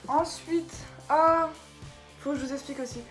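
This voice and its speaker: A woman's voice: high-pitched, steady tone, moderate pace, over music. A woman chatting casually through an unboxing video, tripping over product names as she shows them. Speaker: beauty vlogger. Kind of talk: casual unboxing haul vlog.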